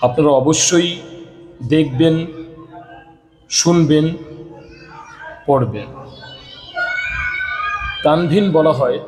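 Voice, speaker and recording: A man teaching Quran reading, explaining rules step by step and reciting verses slowly, repeating each rule. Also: on the high side, darkish tone, rough recording. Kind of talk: slow, repetitive recitation lesson.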